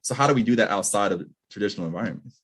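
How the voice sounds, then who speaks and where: A young adult man hosting an interview, talking casually with slang and animated emphasis. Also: lowish voice, very fast, breathy edge. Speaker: podcast host.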